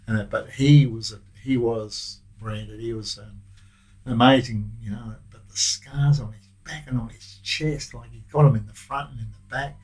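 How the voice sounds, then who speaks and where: A man's voice: medium pitch, normal speed, a little mellow, low-quality recording. Rambling older Australian man. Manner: rambling, broken anecdotes with many restarts. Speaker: guest, former prison officer. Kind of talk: casual recollection.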